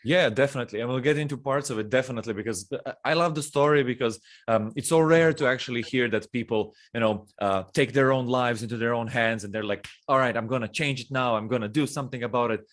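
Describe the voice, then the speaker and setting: A man's voice: mid-range voice, fast, few pauses, a bit bright. A man from Croatia hosting a podcast, asking questions in a casual, friendly way with frequent ums and uhs. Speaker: podcast host. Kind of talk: casual interview conversation.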